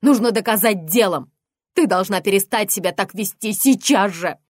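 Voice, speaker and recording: A woman voicing a distraught single mother who shouts and sobs, gasping for air, in an audiobook. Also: mid-range voice, normal speed, no room sound, clean studio sound, lightly acted. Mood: screaming.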